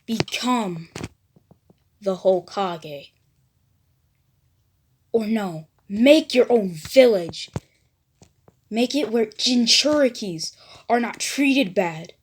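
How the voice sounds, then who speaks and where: A woman voicing a rude, bossy teenage boy who speaks as an inner voice, low and gruff in a fan story. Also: animated, very slow, long pauses, heavily acted. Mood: commanding. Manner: gruff, insulting, commanding.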